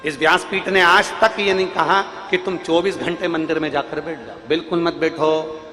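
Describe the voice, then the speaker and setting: Exhorting Indian preacher in a reverberant hall. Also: male voice, fairly even intonation, moderate pace. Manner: repetitive, exhorting, swings between loud calls and soft low lines, breaks into chant. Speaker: Shiv Purana kathavachak. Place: large outdoor religious gathering. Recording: long reverb of a large venue with faint music.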